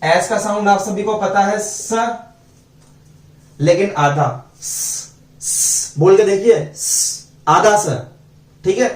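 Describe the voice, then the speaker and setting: Male teacher, high voice, far from the mic in an echoey room, patient phonics drills. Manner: slow, repeats sounds and asks students questions. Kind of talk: phonics lesson.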